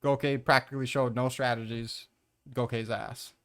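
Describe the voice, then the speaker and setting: Hosting a laid-back manga ranking commentary, this man speaks in a smooth, mid-pitched voice, unhurried and with fairly even intonation. Even so, he is blunt and opinionated, venting obvious exasperation and swearing freely.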